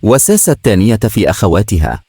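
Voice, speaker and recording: A man with an Egyptian accent narrates a storybook in a lowish voice. His reading is plain and measured. The recording is close and dry. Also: very animated, warm tone, slightly rough, no room sound. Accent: Egyptian Arabic. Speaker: story reader.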